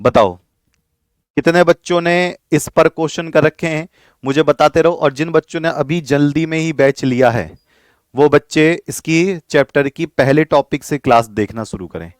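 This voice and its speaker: A man's voice: fairly high pitch, normal speed, dry recording. A man teaching a live online chemistry class, explaining patiently, repeating key points and asking his students to reply.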